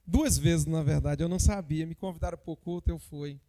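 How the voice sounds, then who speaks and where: In a room that sounds big, a man teaching a church Bible lesson addresses the congregation head-on. His voice is a little high, mellow and fairly quick, and he is a Sunday school teacher who sprinkles in jokes and lots of tag questions.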